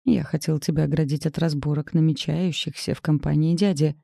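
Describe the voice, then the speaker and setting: A domineering young man growls and teases through his lines in an audiobook story, read by a woman. His voice is rough and dark-toned. The recording is close and dry. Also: low-pitched, little pitch movement, brisk, dry recording. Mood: quiet.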